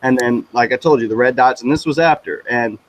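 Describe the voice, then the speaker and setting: A man chatting on a livestream, telling a story in an excitable, profane way. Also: medium pitch, a little fast, a little hiss or hum, rough recording. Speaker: guest on a livestream. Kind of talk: casual chat, storytelling.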